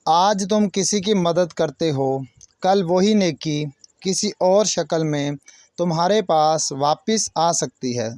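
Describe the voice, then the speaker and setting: This fairly high, slightly mellow male voice comes through with studio quality and no room sound. The man, who hosts a channel and tells stories to children, narrates a moral story in a teacherly way, speaking straight to kids in short, broken-up phrases.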